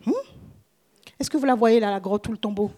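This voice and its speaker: A woman preaching a sermon with Bible reading. She is dramatic, swinging between hushed whispers and loud exclamations, with chatty asides to the congregation. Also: medium pitch, fairly quick.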